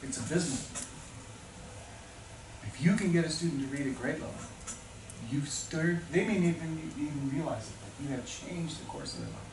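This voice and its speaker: A man speaks to new teachers at an orientation, giving a passionate motivational talk that tells stories and builds to emphatic peaks. His fairly high voice has vocal fry, a moderate pace and long pauses, captured far from the mic in a noisy, echoey room.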